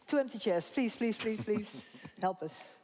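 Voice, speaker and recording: In a reverberant conference hall with background noise, a woman leads a panel in front of an audience. Her mid-range voice is animated yet unhurried, and she keeps the talk casual, chatty and full of easy laughs.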